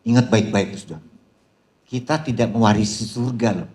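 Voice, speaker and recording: A man's voice: lowish voice, moderate pace, darkish tone. A man preaching a sermon to a seminar audience as pastor, constantly calling out to the crowd and mixing scripture with teasing jokes. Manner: addresses the crowd with repeated "saudara", teasing humor. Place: seminar hall.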